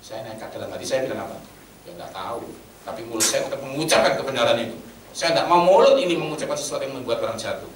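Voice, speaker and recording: A man preaching a sermon in Javanese-tinged Indonesian, blunt and animated, swinging between loud outbursts and hushed asides. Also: mid-range voice, fast. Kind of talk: sermon with storytelling. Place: church meeting hall. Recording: roomy echo, from a distance, faint background hum.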